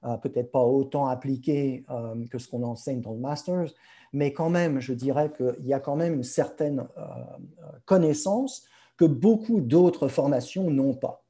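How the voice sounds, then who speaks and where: A man's voice: medium pitch, measured pace, dark tone. A man giving a slide presentation, hesitant and searching for words, mixing practised English terms into his French. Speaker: guest speaker presenting slides. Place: remote video conference.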